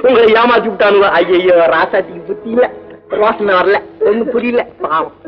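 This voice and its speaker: An actor playing a naive young village shepherd, talking in a broad, excitable country dialect. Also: male voice, high voice, normal speed, lightly acted. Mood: boastful, animated. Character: naive rustic young male shepherd, humble and guileless. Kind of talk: 1960s film acting. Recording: muffled old film soundtrack with music.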